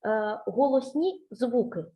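A woman teaching a child in a one-on-one speech lesson. Her voice sits high, and she talks slowly and deliberately. She is patient and encouraging, asks question after question, and sings out vowel sounds clearly to show them. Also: lively intonation, dark tone.

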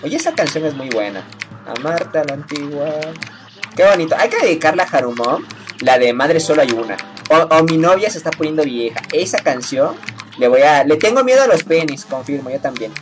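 Lady gamer on stream, joking around with chat, lively swingy voice. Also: sits low, brisk, over music. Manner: playful and teasing, laughs often. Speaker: game streamer. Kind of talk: casual live-stream chat while gaming.

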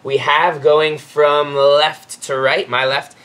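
A man in his thirties hosts a casual, upbeat, friendly chat in a backyard, recorded from a distance by a camera mic on a covered patio. His voice is a bit high and bright and clean in tone, but his delivery is flat and slow.

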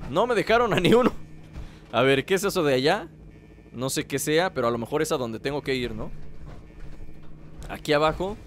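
A Mexican man hosts a casual gaming let's play in a slightly high, animated voice. He rambles playfully as he goes. Faint game noise sits behind his voice. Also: moderate pace, pauses often. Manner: playful, rambling to himself and viewers. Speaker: gaming host. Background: video game ambience.

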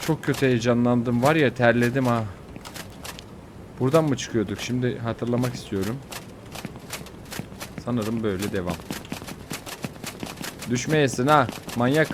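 A young man giving casual, excitable commentary on his own gameplay, fretting aloud and yelping at near falls. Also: medium pitch, a little slow, long pauses, background noise. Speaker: gaming YouTuber.

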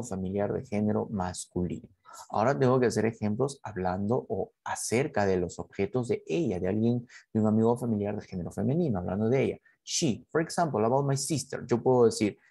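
A male English teacher explains a class project, speaking slowly whenever he models example sentences. His voice is dark and gravelly with a husky edge. The recording is dry and close. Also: lowish voice, dry recording. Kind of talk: explaining a school project in Spanish.

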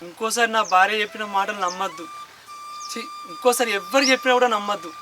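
A man's voice: high-pitched, fast, lightly acted. A man playing a fed-up village husband. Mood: pleading. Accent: Telangana Telugu. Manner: exasperated, dismissive. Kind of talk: village short film acting. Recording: mic far off, music behind.

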